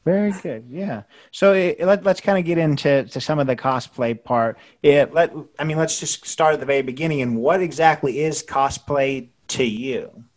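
A man's voice: fairly high pitch, moderate pace. A man hosting a casual interview podcast, often stumbling over and restarting his words. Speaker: podcast host.

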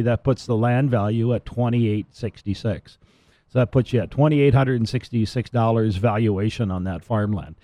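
A middle-aged male radio host talks in a relaxed, rambling way, often restarting and doubling back on his words. His voice is warm and dark, and the recording is dry and close with no room sound. His delivery is loose and conversational. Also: medium pitch, no echo. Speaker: radio show host and land auctioneer. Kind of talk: casual radio talk.

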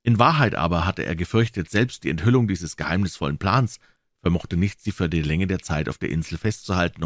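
A man narrating a classic novel with expressive storytelling. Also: low voice, no echo, studio quality. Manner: expressive storytelling, voicing the characters. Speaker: audiobook narrator.

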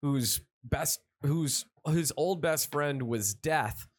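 A man chatting casually as a podcast host, retelling a cartoon episode in a rambling, excited way full of fillers and restarts. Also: a little high, slow, breathy edge. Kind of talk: casual chat.

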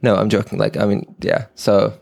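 A young man from Turkey, a native Turkish speaker with a slight British accent, chatting as a guest in a halting, meandering way full of restarts. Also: fairly low pitch, big pitch swings, vocal fry, a little mellow, no echo, clean studio sound. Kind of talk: casual chat.

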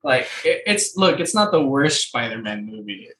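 A man's voice: mid-range voice, big pitch swings, normal speed, a bit bright, reverberant, slight background noise, low-quality recording. A young man co-hosting a casual movie chat, rambling and opinionated with lots of fillers. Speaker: podcast co-host.

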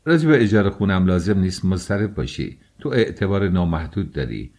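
A man's voice: deep voice, lively intonation, a little mellow. A man reading the lines of an eager, talkative young friend who fusses over a sick companion in an audiobook. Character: cheerful fussing young male friend.

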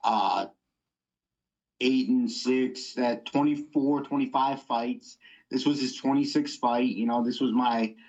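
Blunt, profane young fighter. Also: male voice, mid-range voice, takes it slowly, a little mellow, lo-fi sound. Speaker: MMA fighter guest. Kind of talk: casual interview.

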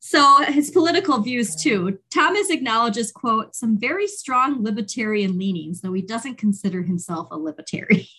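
A woman co-hosting a podcast in casual discussion, animated and sarcastic, laughing often. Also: fairly high pitch, moderate pace, few pauses, husky. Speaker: podcast co-host.

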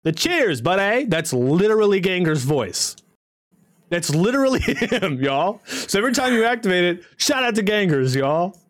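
A man running a livestreamed tabletop game as game master, with excitable, profanity-laced banter. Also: sits high, normal speed. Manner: excitable, swearing, laughing banter.

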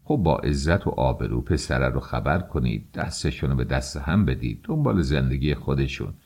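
A man voicing a measured, dignified older uncle. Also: extremely low pitch, lively intonation, a little mellow, husky, exaggerated voice. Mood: calm. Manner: measured, persuasive. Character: calm, dignified older uncle, elder brother. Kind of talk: audiobook character voice.

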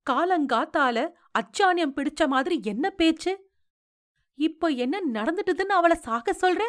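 A woman's voice: high voice, expressive, a little slow. A woman voicing a grieving old grandmother. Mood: angry. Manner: scolding, pleading, tearful questioning. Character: grieving old grandmother, sharp-tongued widow.

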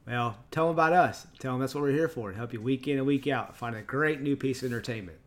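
A man's voice: medium pitch, quick pace. Chatty Texan man hosting a podcast. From Texas. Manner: casual and chatty, self-correcting. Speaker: podcast host. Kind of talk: solo podcast chat.

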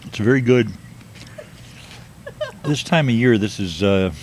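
An older man slowly musing in a plain, matter-of-fact way while filming himself outdoors. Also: on the low side. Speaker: video maker. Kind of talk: rambling self-filmed monologue. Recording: noisy outdoor video clip.

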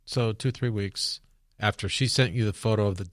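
A man's voice: lowish voice, fairly even intonation, moderate pace, no echo, clean studio sound. A man hosting an interview, asking probing follow-up questions with a wry edge. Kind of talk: conversational interview.

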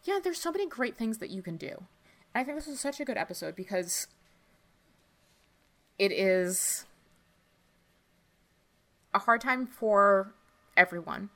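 A woman's voice: mid-range voice, expressive, measured pace, pauses often, fairly bright tone. A woman co-hosting a podcast in casual chat, rambling with lots of filler words. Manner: chatty, lots of likes and you-knows. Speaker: podcast co-host.

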